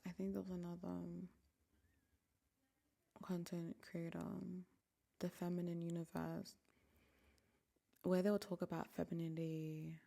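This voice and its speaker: A warm, low-leaning female voice with vocal fry carries this casual solo podcast monologue. The host, a young woman from Africa, speaks candidly and reflectively into her microphone and often slips into a near whisper.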